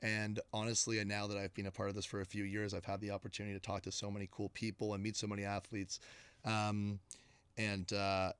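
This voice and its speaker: A man's voice: fairly low pitch, brisk, smooth, no room sound. A man in his thirties from Canada, a guest talking casually and enthusiastically with lots of fillers. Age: 30s. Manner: relaxed, filler-heavy, enthusiastic. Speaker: guest, agency co-founder. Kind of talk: casual interview talk. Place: radio studio. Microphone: studio mic.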